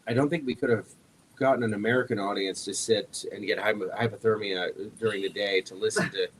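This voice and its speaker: A man's voice: lowish voice, steady tone, a little fast, a little hiss or hum, low-quality recording. Easygoing man with wry asides. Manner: easygoing, wry, many uh fillers. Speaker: show co-host. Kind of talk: casual roundtable chat.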